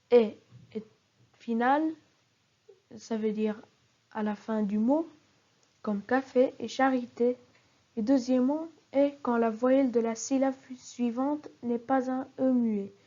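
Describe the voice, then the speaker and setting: A woman's voice: fairly high pitch, dark tone. A woman teaching a recorded spelling lesson, carefully spelling out example words syllable by syllable. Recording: dull lo-fi recording.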